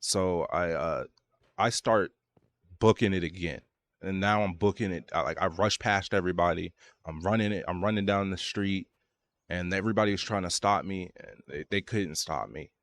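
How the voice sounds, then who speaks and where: A man's voice: sits low, normal speed, fairly bright tone. A man casually telling a personal story, rambling with lots of fillers and restarts. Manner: loose, rambling, many fillers.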